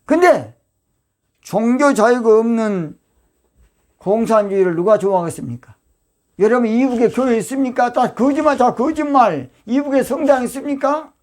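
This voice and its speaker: An older man, a pastor from Yeosu with a Jeolla accent, preaching a fiery, emphatic sermon that breaks into sudden loud outbursts. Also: very high-pitched, lively intonation, moderate pace. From Yeosu, Jeolla province, South Korea.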